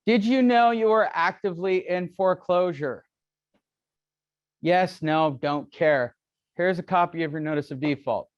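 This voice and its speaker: Timid doorstep agent reading from a clipboard, as a coach acts it out, high and dry. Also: male voice, measured pace, no echo, highs cut off. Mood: timid scripted. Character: nervous male door-knocking agent reading a script.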